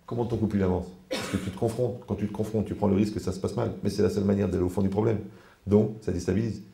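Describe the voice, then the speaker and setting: A man, a rabbi, giving a lively conversational Torah lecture, animated and teasing as he acts out little dialogues. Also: fairly low pitch, racing, creaky, echoey room.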